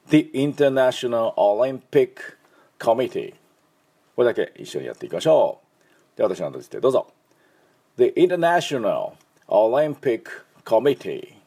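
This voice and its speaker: The principal and teacher of an English school gives a pronunciation lesson, using lots of fillers and repeating words so learners can copy them. His voice sits low, with a darkish, slightly rough tone.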